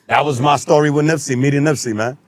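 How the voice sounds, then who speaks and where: A man, a rapper guest telling a story in casual, animated fashion and acting out what people said, with rough street slang. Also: mid-range voice, fast. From New York. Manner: animated, acts out quotes with shifting voices, profane street slang.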